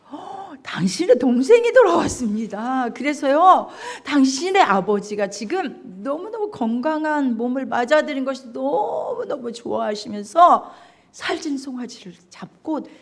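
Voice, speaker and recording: A woman's voice: sits high, big pitch swings, unhurried, pitched above the performer's own voice, exaggerated voice. A woman preacher voicing a household servant who eagerly reports the news to his master's son.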